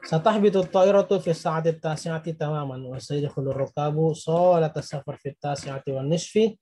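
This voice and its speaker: Man, slightly high voice, patient grammar teacher, repeats and translates words, faint background hiss. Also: normal speed, mellow. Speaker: Arabic teacher. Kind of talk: recorded grammar lesson.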